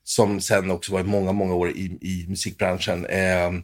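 A man's voice: low voice, level tone. A man in his fifties from Sweden, a guitarist telling stories in an interview with many restarts and fillers. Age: 50s. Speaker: guitarist guest. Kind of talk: storytelling interview.

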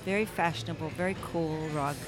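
A woman's voice: lowish voice, fairly quick, music in the background, rough recording. A woman co-hosting a podcast in casual, conversational chat. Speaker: podcast co-host.

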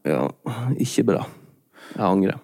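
A man from Norway co-hosting a podcast, telling a long confessional story in a halting, rambling way with lots of restarts. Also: deep voice, lively intonation, creaky, warm tone, a little hiss or hum. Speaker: podcast co-host. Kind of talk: casual confessional chat.

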